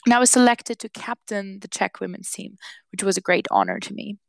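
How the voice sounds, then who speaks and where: A woman's voice: mid-range voice, brisk, vocal fry, no room sound. A young woman from Austria, a podcast guest giving a prepared account with frequent ums. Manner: frequent hesitant ums between phrases. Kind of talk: prepared monologue.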